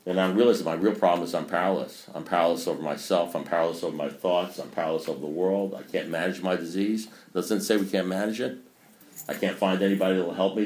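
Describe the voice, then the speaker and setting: A low-pitched, slightly mellow male voice belongs to a man in his sixties giving a talk at a recovery meeting. He's preachy and rambling, often poking fun at himself, and the meeting room sounds echoey.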